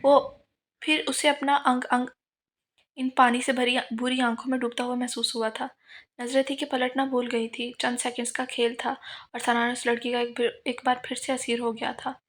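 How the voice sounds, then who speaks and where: Woman reading a love story out loud, steady, highish and kinda flat. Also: normal speed. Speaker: novel reader. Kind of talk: audiobook narration of a romance novel.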